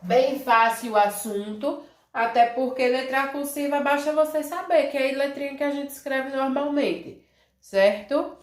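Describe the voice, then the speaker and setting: A Brazilian schoolteacher talks young children through a review, slowly and patiently. She drags words out syllable by syllable and keeps asking if they follow. Her voice sits a little high and bounces around a reverberant room. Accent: Brazilian Portuguese. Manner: speaks of herself as "tia", many tag questions like "né?" and "certo?"; drawn-out syllables when modelling words. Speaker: primary school teacher. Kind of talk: slow, simple review lesson for young children.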